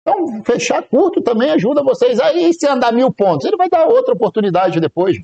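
A man's voice: extremely high pitch, very animated, a little fast, vocal fry, dark tone, husky, lo-fi sound. A man from Brazil streaming live day trades, chatting casually with viewers and joking while he counts aloud. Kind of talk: live trading stream chat.

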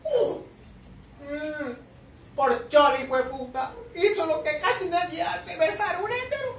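A man's voice: very high voice, animated, a little slow, a bit bright, a little hiss or hum. A man giving dramatic, shrieky reaction commentary, constantly addressing his viewers by a pet name. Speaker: series reaction vlogger. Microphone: camera mic at a distance. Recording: echoey room, distant mic.

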